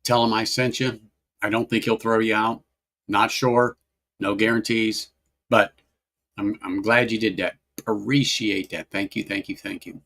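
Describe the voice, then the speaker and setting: Gravelly-voiced man hosting a whiskey livestream. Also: fairly low pitch, fairly even intonation, a little slow, a bit bright. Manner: rambling, repeats phrases, greets chat viewers by name. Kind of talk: casual livestream chat.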